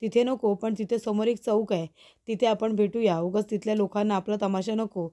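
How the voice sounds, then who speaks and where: A curt, resentful young husband who answers sarcastically, read out by a woman narrator. Her tone stays mellow. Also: medium pitch, fairly even intonation, a little fast, natural voice.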